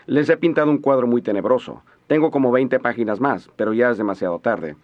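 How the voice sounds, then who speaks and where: A man interpreting a sermon in a steady, measured voice-over. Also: mid-range voice. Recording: dull lo-fi audio.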